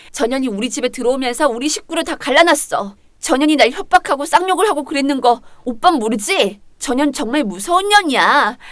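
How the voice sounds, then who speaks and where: A woman's voice: high voice, fairly bright tone, dry recording, studio quality. A woman voicing a scheming young woman who whines, sobs and begs. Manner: whiny, sobbing, pleading.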